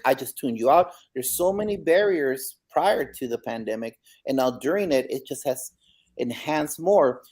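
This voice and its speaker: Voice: medium pitch, darkish tone. A podcast co-host, asking a long, earnest question and stumbling over words now and then.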